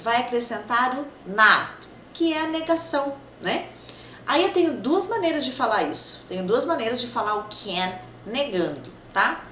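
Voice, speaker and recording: A woman teacher explains grammar patiently, checking in with the listener every few phrases. Her voice sits fairly high and swings widely in pitch. The sound is roomy, with a faint hiss behind it. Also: a bit bright. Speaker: English teacher. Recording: echoey room with faint background noise.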